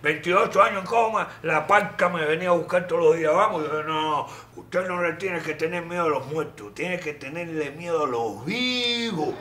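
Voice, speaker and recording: A bright, scheming hustler. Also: male voice, a little high, moderate pace, hardly any pauses, roomy sound. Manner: persuasive, storytelling with sound effects.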